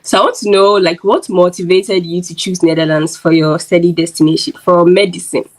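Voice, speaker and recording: On poor-quality audio, a woman from Ghana chats casually as host and interviewer on her YouTube channel, using "like" constantly. She speaks on the low side, fairly quickly, with even intonation and a slightly mellow sound.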